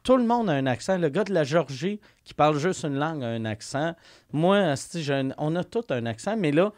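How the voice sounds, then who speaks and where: A man with a Quebec French accent hosting a podcast in relaxed, casual conversation. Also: on the high side, brisk, dry recording, studio quality. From Quebec City. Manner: relaxed, chatty, laughs easily. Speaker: podcast host. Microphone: studio mic.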